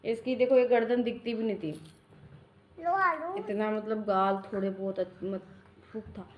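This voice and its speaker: A woman's voice: medium pitch, level tone, unhurried, muffled recording, slight background noise. A young woman, a mother, tells a casual home-vlog story in a rambling, homely way with many restarts. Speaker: mother vlogger.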